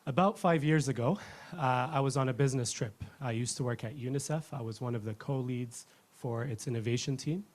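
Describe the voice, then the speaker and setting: A man in his thirties from Ethiopia, giving a rehearsed pitch as a company founder in an earnest, fluent way. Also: fairly quick, hardly any pauses, darkish tone.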